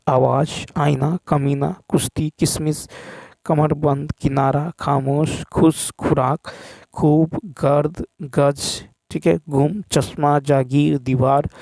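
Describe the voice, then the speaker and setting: A male teacher with a gravelly, dark voice walks through exam questions one at a time. He repeats each key point and keeps checking in with his viewers. The sound is dry and close, with no room echo. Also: fairly high pitch. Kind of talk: exam answer walkthrough.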